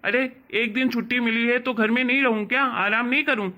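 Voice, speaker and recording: A woman's voice: fairly high pitch, fairly even intonation, fairly quick, pushed and bright, slight background noise. A woman voicing a rude, stubborn grown son who snaps at his mother in a cartoon story. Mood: irritated. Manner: irritated, dismissive. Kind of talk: cartoon voice acting. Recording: dull lo-fi sound with faint music.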